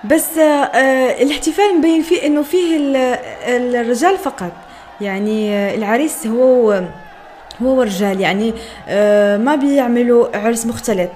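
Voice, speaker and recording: A woman's voice: on the high side, fairly quick, a little mellow. A young woman from Morocco giving casual reaction commentary, chatty, often laughing and exclaiming in wonder. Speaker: reaction video host.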